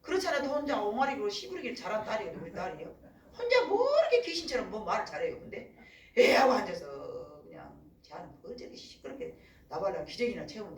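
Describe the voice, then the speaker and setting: A middle-aged woman pastor giving a sermon in animated storytelling, often acting out other voices. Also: mid-range voice, echoey room, far from the mic, slight background noise, low-quality recording. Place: church.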